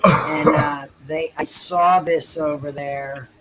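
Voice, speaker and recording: A man's voice: on the high side, fairly even intonation, slow pace, heavy background noise. A man from the East Coast of the US with an East Coast accent, chatting on a live stream in a playful, teasing way. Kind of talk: casual chat on a live stream.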